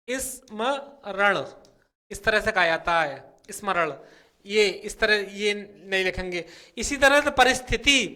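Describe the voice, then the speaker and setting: A young man coaching students for exams, walking through spelling questions and drawing out each word slowly as he explains it. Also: high voice, sharp tone. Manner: repeats words slowly and drawn out, fills with "theek hai". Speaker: exam coaching teacher.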